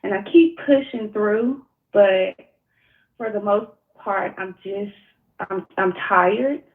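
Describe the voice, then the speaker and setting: Female caller, Mississippi accent, halting and unscripted, mid-range voice, thin narrow phone audio. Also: mid-range voice. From Mississippi, United States. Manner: hesitant, searching for words. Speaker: call-in coaching client. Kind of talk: personal, unscripted phone conversation. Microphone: phone call. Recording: tinny narrow-band phone line.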